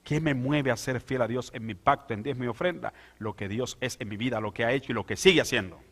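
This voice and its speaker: A male pastor preaching a sermon, moving from quiet asides to loud, drawn-out proclamation. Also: medium pitch. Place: church sanctuary. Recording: church hall with long reverb.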